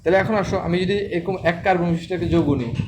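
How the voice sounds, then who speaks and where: In a noisy screen recording, a chemistry tutor with a high-sitting voice teaches at a quick pace. He keeps quizzing students, asking questions again and repeating their answers.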